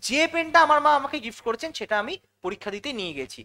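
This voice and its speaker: A quick-talking woman teaches English grammar. She goes step by step, repeats the key words and keeps checking in with her students through questions. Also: high voice, sing-song, bright, forceful tone. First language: Bengali. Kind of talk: classroom-style lesson explanation.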